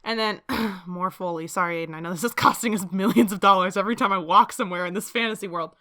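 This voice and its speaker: A woman's voice: mid-range voice, fast talker, sharp tone, no room sound, clean studio sound. A woman co-hosting a podcast in playful, giggly casual chat. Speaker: podcast co-host.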